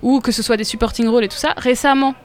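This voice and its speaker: A woman's voice: fairly high pitch, steady tone, fast talker. A woman co-hosting a casual round-table talk, hesitant with frequent fillers and laughter. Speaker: podcast co-host.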